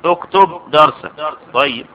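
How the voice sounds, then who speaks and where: A man's voice: a little high, highs cut off. A man with an Egyptian accent teaching Arabic grammar, explaining step by step and asking questions he then answers himself. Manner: dictates example sentences slowly and stressed. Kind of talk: classroom grammar lesson.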